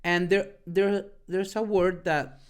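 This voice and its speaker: A man from Venezuela with a Venezuelan accent, co-hosting a casual podcast and explaining slang in a rambling, halting way. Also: high-pitched, level tone, clean tone. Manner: rambling, halting, many restarts and fillers. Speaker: podcast co-host. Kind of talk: casual bilingual podcast chat.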